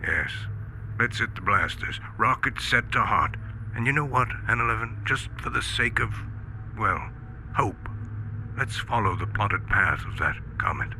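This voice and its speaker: A man playing a kindly, hopeful rocket captain in a retro radio space adventure, gently commanding and a little wistful. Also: fairly low pitch, expressive, a little slow, a little hiss or hum, exaggerated voice, poor audio. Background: music.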